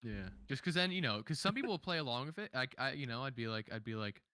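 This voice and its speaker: A man co-hosting a casual podcast, telling stories quickly and packing them with "like" and restarts. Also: mid-range voice, animated, pushed and bright, clear, resonant tone, no room sound, studio quality. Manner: fast, filler-heavy storytelling with lots of "like". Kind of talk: casual chat.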